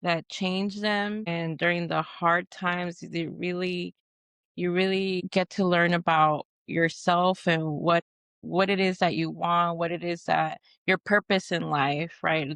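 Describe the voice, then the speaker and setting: A woman's voice: fairly low pitch, fairly even intonation, takes it slowly, creaky, a bit bright, dry recording. A woman from Texas, a Marine veteran guest, answering interview questions earnestly with frequent restarts and fillers. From Texas, USA.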